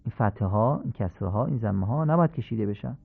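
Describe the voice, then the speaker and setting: A middle-aged man teaching correct Quran recitation on a radio lesson, explaining calmly and reciting phrases slowly to demonstrate. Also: fairly low pitch, gravelly, breathy edge. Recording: tinny phone-like old radio recording.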